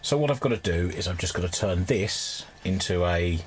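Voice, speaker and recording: This rough recording captures a man with a low, expressive voice speaking at a moderate pace as he demonstrates a repair by hand. He's a restorer hosting a hobby repair video, offering casual commentary and thinking aloud at a cluttered electronics workbench indoors. Background noise from the workshop is clearly present.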